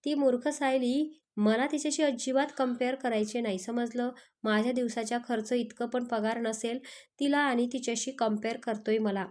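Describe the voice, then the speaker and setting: A woman's voice: a little high, fairly even intonation, normal speed, a little mellow, natural voice. A woman voicing a scheming, spoiled young bride-to-be who speaks sharply and with scorn. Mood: scornful.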